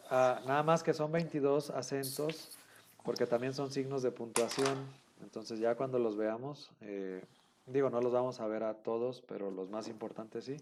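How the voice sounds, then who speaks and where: A man's voice: medium pitch, steady tone, normal speed, darkish tone, slight background noise. A man teaching a class, patiently repeating the rules with many fillers. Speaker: Hebrew teacher. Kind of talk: online class explanation.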